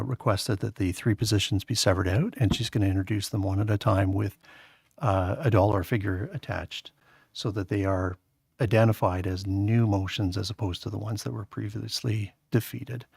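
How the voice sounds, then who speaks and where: A man chairing a town council meeting, calling votes in a halting way with many filler sounds. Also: lowish voice, steady tone, vocal fry, slightly rough, no room sound, clean studio sound.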